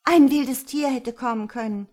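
A woman voicing an indignant, spirited young woman who speaks in a sharp, accusing way, in a storybook reading. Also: on the high side, animated, unhurried, pitched above the performer's own voice.

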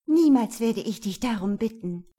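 Audiobook: female narrator voices a proud, indignant young woman, slightly raised pitch. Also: a little slow, mellow, husky. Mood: defiant. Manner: defiant, indignant. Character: defiant young woman, once a princess.

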